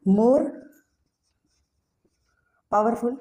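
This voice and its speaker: A woman's voice: a little high, very slow, dark tone. A woman teaching English grammar, asking herself questions and answering them, and spelling words out letter by letter. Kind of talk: classroom grammar lesson.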